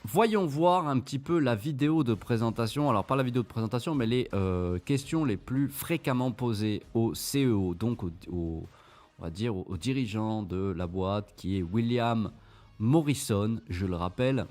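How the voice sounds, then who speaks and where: A man talks viewers through a screen share in a loose, sarcastic way, swearing casually and mocking what he shows. His pitch sits in an ordinary middle range, and soft music runs faintly behind him. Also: expressive, moderate pace. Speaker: channel host reviewing an investment scheme.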